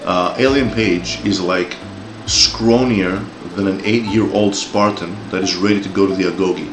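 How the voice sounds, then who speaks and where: A Greek-born man in his forties, raised in Australia, rants as an opinion commentator in a low, steady, unhurried voice with a Greek-Australian accent, swearing and stumbling over repeated words when riled. The recording is rough and roomy, with music in the background.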